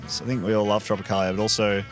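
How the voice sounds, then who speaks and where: A band member musing at length in a casual interview. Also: male voice, lowish voice, little pitch movement, very fast, faint music behind. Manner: thoughtful, rambling.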